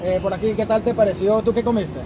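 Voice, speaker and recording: A man's voice: high-pitched, fast, lo-fi sound, a crowd in the background. A young man from Venezuela, hosting a casual street vlog and chatting with friends about food, filmed with a camera at arm's length outdoors. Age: young adult. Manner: lively, interviewing friends on the street. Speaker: vlogger host. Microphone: camera held at arm's length.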